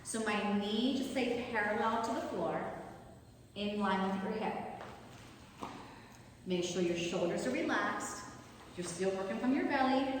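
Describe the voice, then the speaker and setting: A woman instructing an exercise class, giving short, directive cues and counting out repetitions. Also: mid-range voice. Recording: echoey hall, distant mic, noisy background.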